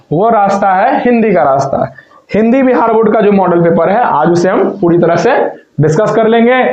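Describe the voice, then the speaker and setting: Male tutor, high voice, warm with pupils, self-quizzing, dull echoey room sound. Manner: asks and answers his own questions; addresses students affectionately. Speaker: teacher. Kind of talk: exam paper walkthrough lesson. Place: filmed room with a camera operator.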